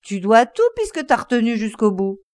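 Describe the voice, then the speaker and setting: A woman's voice: mid-range voice, sing-song, slow, husky, no room sound, full character voice. A woman voicing a rowdy male country coachman with rustic peasant speech, wild with glee. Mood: insistent.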